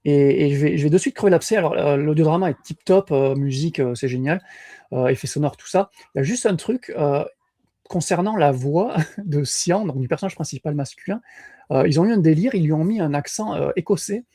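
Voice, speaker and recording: A man's voice: a little high, a little fast, warm tone, no echo, clean studio sound. A man co-hosting a podcast in casual chat, hesitant with many fillers and restarts. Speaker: podcast co-host.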